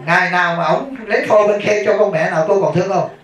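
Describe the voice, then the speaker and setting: Monk giving a casual dharma talk, laughing and questioning the audience. Slightly high male voice, picked up from far off in a very echoey room. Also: quick pace, fairly bright tone. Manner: chatty storytelling, laughs often, asks the audience questions. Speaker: Buddhist monk teacher.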